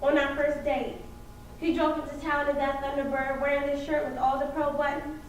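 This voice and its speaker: A woman's voice: sits high, level tone, moderate pace, close to an everyday voice. A woman acting a plainspoken, wistful small-town wife in a stage play. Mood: nostalgic. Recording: echoey room, far microphone, faint noise.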